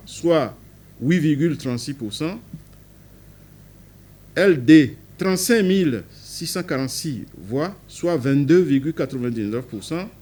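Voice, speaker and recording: A man's voice: fairly high pitch, darkish tone. A man from Benin reading out election results in a formal manner, stressing the party initials and correcting himself on some figures. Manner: reads numbers aloud, stressing party initials, self-corrects. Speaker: court official reading results.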